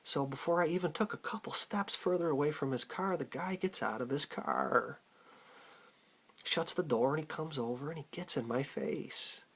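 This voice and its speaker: A man casually telling a personal story in a deadpan, conversational way. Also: on the high side, moderate pace, husky.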